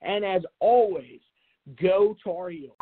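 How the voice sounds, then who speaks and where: A man runs his sports podcast alone, chatting off the cuff in a rambling style filled with "you know" and similar fillers. His high voice goes slowly, and the narrow, tinny, phone-like recording carries a little hiss or hum.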